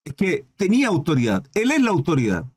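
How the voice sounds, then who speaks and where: A man's voice: on the high side, huge pitch swings, a little fast, darkish tone, husky. A man preaching in a livestreamed Bible study, reading scripture aloud, then commenting with rhetorical questions and asides to viewers. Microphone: livestream microphone.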